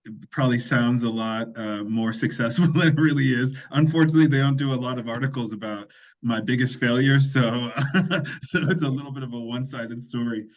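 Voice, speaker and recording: A Liberian man in his forties speaks in a mid-range voice at a fairly quick clip. He's a podcast guest recounting his life story in a casual interview, reflective and self-deprecating, often starting his sentences over.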